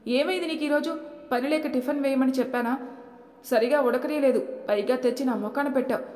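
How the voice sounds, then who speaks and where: Woman putting on a hot-headed young husband, scolding, fairly high voice, echoey room. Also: brisk, a little mellow, lightly acted. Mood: angry. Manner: snappy and scolding. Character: short-tempered young husband. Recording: echoey room with long reverb.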